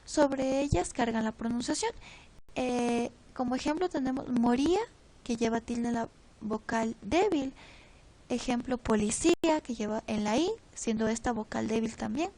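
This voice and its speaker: A teenage girl reading a class presentation from notes, pausing and stumbling over words now and then. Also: a little high, mellow, rough recording. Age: teens. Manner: reads from notes with pauses and slips. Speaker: student presenter.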